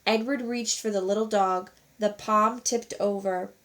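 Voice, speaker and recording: A teacher reading a children's storybook aloud with expressive, animated narration. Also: female voice, medium pitch, a little slow.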